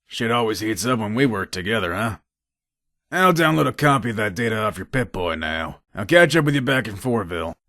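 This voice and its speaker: A male actor voices a shrewd gun trader and robber in a video game, making his pitch in a slightly low voice that rises and falls a lot. He sounds casual, familiar and businesslike, a hard bargainer speaking in an animated, brisk, pushed and bright way. The recording is close and dry.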